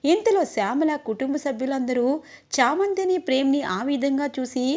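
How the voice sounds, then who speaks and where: High-voiced woman recapping a serial. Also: expressive, darkish tone. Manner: quick storytelling narration. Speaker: narrator. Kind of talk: retelling a TV serial episode.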